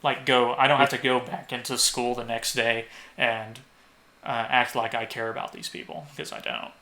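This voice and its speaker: A young man co-hosting a podcast, telling rambling stories full of swearing and loudly acted-out quotes. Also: medium pitch, level tone, normal speed. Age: young adult. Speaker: podcast co-host. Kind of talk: casual podcast chat.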